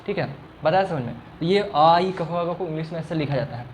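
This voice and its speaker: A man's voice: a little high, lively intonation, a little fast, slight background noise. A man teaching a classroom grammar lesson, asking the same question over and over and stretching out sounds to demonstrate them. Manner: repetitive questioning, checks understanding often.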